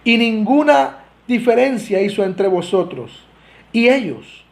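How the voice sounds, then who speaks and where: A Costa Rican man preaches with a notably high voice, pressing his points and speaking straight to the congregation. His delivery swells and drops as he stresses each call to holiness. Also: expressive, slow pace, gravelly. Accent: Costa Rican Spanish. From Costa Rica. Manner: earnest preaching, rising and falling emphasis, direct address to the congregation. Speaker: pastor. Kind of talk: sermon.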